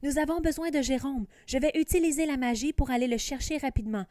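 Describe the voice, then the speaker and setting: A woman voicing an excitable, defiant young boy wizard, in a storybook reading. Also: sits high, fast talker, dry recording, clean studio sound, pitched above the performer's own voice, lightly acted. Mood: excited.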